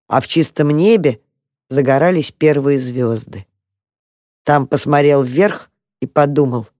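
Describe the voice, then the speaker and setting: A narrator reading a children's storybook softly and gently. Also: medium pitch, dry recording, studio quality.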